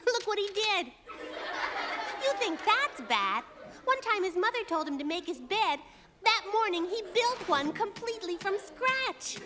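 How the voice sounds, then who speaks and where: A woman voicing a spirited, quick-witted little girl in a cartoon. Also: extremely high pitch. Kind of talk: cartoon voice acting.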